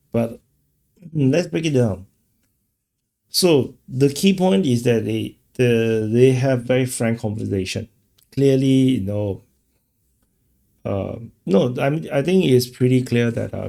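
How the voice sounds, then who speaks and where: A man with a gravelly, dark, mid-range voice hosts an off-the-cuff political commentary show. He rambles casually and frequently repeats words as he talks.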